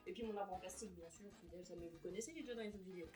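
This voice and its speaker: A woman's voice: lowish voice, racing, music in the background. A young woman vlogging casually at home, chatty and self-mocking, who swears when frustrated. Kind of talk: casual vlog chat. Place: apartment room, indoors.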